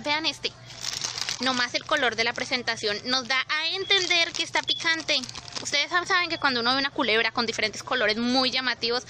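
A young Colombian vlogger films her walk through indoor supermarket aisles, chatting expressively and speaking directly to her viewers. Her voice is high-pitched, and there's a noisy background.

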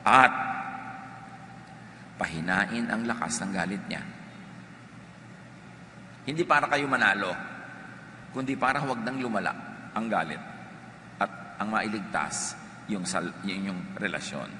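A man's voice: on the low side, animated, a little slow, long pauses. A man from the Philippines, preaching a sermon emphatically and dropping humorous asides to the congregation. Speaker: pastor. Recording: echoey hall with faint background noise.

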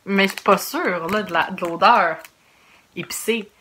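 A woman in her thirties with a Québécois accent, chatting quietly and reacting aloud as she tastes snacks at home. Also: medium pitch, a little slow. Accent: Québécois French. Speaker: vlogger. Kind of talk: casual snack tasting vlog. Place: home, indoors. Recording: noisy home video with wrapper crinkling.

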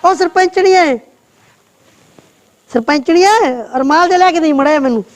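A man's voice: extremely high pitch, racing. A man playing a weepy, smug male village headman in a comedy short film, talking in a whiny, evasive way. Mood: vain.

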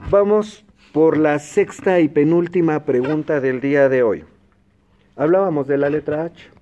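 A Mexican man with a Mexican Spanish accent hosts an educational quiz show, speaking clearly and patiently and repeating the answer options slowly. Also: on the high side. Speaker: quiz host and teacher. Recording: dull lo-fi broadcast sound.

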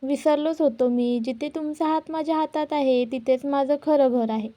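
A woman's voice: high-pitched, steady tone, moderate pace, dark tone, natural voice. A woman reading the lines of a young husband who teases lightly and plays along. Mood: teasing. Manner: lightly teasing. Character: young man, teasing, playful husband.

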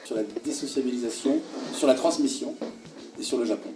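A man talking playfully and quickly in an interview, repeating words for comic effect. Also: medium pitch, noisy background. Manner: rapid, playful, repetitive. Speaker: performer interviewee. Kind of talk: casual interview. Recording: roomy, distant mic over music.

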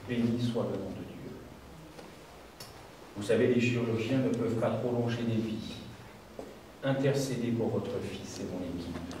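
A man voicing a calm, devout surgeon who answers patiently, in a sermon story. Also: fairly low pitch, measured pace, long pauses, lightly acted. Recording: echoey church, far from the mic, background noise.

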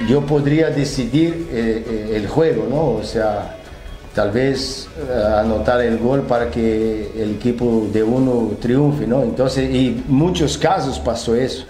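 Relaxed older Brazilian man, mellow voice. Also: mid-range voice, a little slow, reverberant, soft background music. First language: Portuguese. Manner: relaxed, hesitant with many fillers. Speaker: football academy director. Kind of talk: casual interview answers. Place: television studio.

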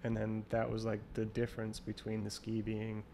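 A man with a dark, fairly low voice and vocal fry talks at a normal speed in a monotone. As a guest in a casual call interview, this champion water skier rambles, thinks aloud, and restarts often, and faint noise is audible in the remote recording.

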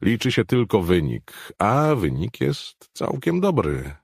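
A man's voice: on the low side, wildly swooping pitch, slow, gravelly, breathy edge, no echo, clean studio sound, pitched above the performer's own voice, exaggerated voice. A man voicing a dismissive male prison warden who scornfully brushes off every worry. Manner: scornful, impatient.

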